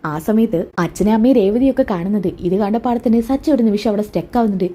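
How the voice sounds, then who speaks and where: A woman's voice: medium pitch, quick pace, mellow. A woman retelling a TV serial episode in a chatty storytelling way, full of little tag words. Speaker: serial recap narrator.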